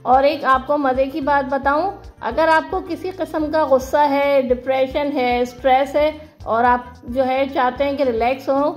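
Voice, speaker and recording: A woman hosting her own cooking channel, chatting warmly through a recipe voice-over and offering blessings to her viewers. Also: sits high. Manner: warm, chatty, full of blessings and praise.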